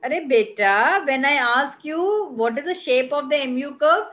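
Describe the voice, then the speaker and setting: High-voiced Indian woman teaching a class. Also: animated, moderate pace, a bit bright. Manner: instructive, repeats phrases for emphasis; switches between English and Hindi. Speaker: economics teacher. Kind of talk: online class teaching, question and answer. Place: online video call class.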